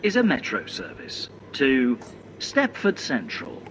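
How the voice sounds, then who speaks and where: A man's automated train station announcement, read in a slow, measured manner with evenly spaced words. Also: medium pitch, huge pitch swings. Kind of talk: recorded transit announcement. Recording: game audio over noisy background. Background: train game sounds.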